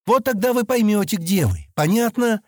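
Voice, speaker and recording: A man's voice: sits high, lively intonation, normal speed, darkish tone, no room sound, clean studio sound, pitched above the performer's own voice. A man reading an audiobook, voicing an impatient young man who grumbles and scolds his companions. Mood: grumbling. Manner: grumbling, exasperated.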